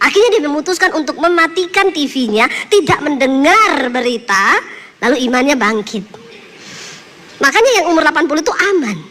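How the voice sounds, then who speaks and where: A woman pastor preaching a sermon, telling lively, joking anecdotes to her congregation. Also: sits high, moderate pace. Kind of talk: sermon with humorous storytelling.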